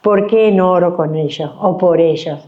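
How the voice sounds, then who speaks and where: A woman teaching a sermon at a church women's conference, animated, often acting out everyday complaints and asking her listeners questions. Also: on the low side, moderate pace, phone-quality sound. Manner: animated, acts out complaining voices, asks the audience questions.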